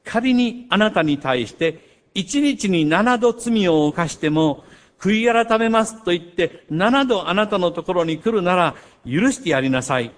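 An older man delivers a sermon in a somewhat high voice. He moves through a story with wide swings, booming on key phrases and falling to near-murmurs between them. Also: lively intonation, unhurried. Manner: storytelling with wide swings between loud emphasis and hushed asides. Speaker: pastor.

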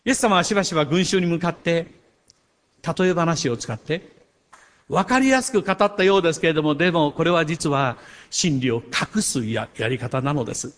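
Man, pastor, sermon, earnest, slightly high voice, builds in volume on key points. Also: lively intonation, moderate pace. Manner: earnest, swells louder on key points, drops soft for personal story.

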